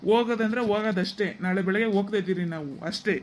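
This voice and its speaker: A man's voice: high voice, fairly even intonation, rapid-fire, heavy background noise, close to an everyday voice. A man voicing a grown son in a cartoon story, firm and dismissive toward his mother. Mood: angry. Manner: firm, dismissive, growing angry. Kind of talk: cartoon dubbing.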